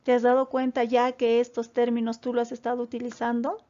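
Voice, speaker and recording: A woman teaching a grammar lesson to children, explaining slowly and deliberately and addressing them directly. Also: on the high side, completely flat delivery, warm tone, lo-fi sound. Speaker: primary school teacher.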